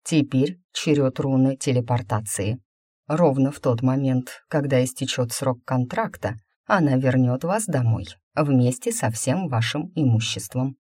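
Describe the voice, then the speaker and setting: A woman voicing a calm, smooth-talking male mage who stays unruffled and speaks in an ingratiating way, in a story read aloud. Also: rumbling low, no echo, clean studio sound, exaggerated voice. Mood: composed. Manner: unhurried, imperturbable, ingratiating.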